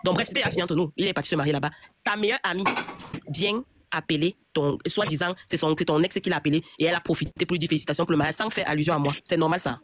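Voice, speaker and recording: A woman's voice: deep voice, very fast. A woman telling a personal story in casual chat, rambling and restarting her sentences often. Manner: rambling, many restarts and repeats. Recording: noisy online audio.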